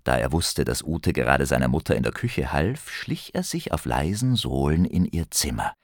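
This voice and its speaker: A man with a very deep voice reads a children's story aloud in a lively, expressive way, his pitch rising and falling widely. The sound is close and completely dry, with no room around it. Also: normal speed, vocal fry, no room sound. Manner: expressive storytelling, acting out characters. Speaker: narrator. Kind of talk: scripted narration of a children's story.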